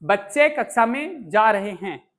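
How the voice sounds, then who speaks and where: Male teacher in a classroom, drills words slowly, teases and scolds pupils. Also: high-pitched, sing-song, fairly bright tone. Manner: scolding, joking with students, repeats English words slowly. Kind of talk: classroom grammar lesson. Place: indoor classroom.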